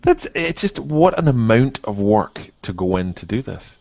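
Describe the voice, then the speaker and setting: A man co-hosting a relaxed podcast, his gravelly low voice leaping up when something excites him. His pitch swings widely between mumbled asides and bursts of enthusiasm. The sound is dry and dull, like a lo-fi call. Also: moderate pace, no echo. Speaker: podcast co-host. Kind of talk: casual podcast chat.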